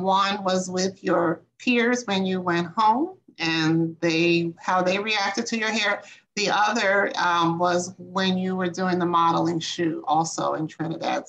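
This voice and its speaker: A woman hosting a group video call, asking a participant a question in a gentle, halting way. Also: on the low side, rough recording. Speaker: host.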